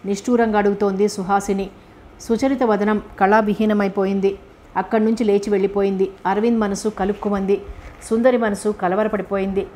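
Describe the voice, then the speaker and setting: A woman narrating a novel in a steady, expressive storybook reading. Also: mid-range voice, a little fast. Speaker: audiobook narrator.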